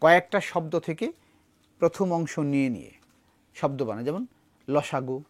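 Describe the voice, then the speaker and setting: A man's voice: a little high, animated, no echo. A man teaching a recitation class, explaining words and quizzing his students. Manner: explanatory, asks students questions, recites verse slowly. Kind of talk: classroom lesson.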